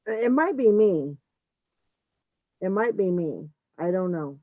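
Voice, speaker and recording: A woman's voice: medium pitch, animated, takes it slowly, no room sound. A woman hosting a casual live stream, checking her audio, her voice muffled as if heard through a wall. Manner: chatty, fussing over audio checks. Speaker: livestream host. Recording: muffled phone-like dry audio.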